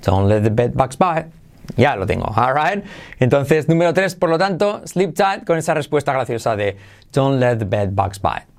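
A man runs an English pronunciation lesson for a podcast. He has a mid-pitched voice and drills each phrase slowly, over and over. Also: very animated. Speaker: English teacher.

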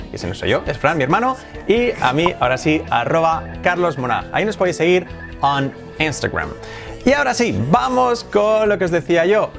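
Man, English teacher, bilingual lesson, slow repeated examples, faint music behind. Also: mid-range voice. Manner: switches between Spanish and slow English examples.

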